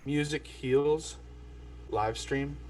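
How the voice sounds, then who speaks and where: A man's voice: mid-range voice, extremely slow, darkish tone. A man talking enthusiastically and loosely on a video call, with lots of fillers. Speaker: record label host. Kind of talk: casual video call chat. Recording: distant video call mic with faint noise.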